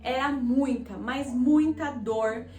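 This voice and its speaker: Speaking slowly in a warm voice that sits high, a young Brazilian vlogger shares a personal story with her audience, chatty and confessional, calling them "gente." She has a Brazilian Portuguese accent, and the sound is reverberant.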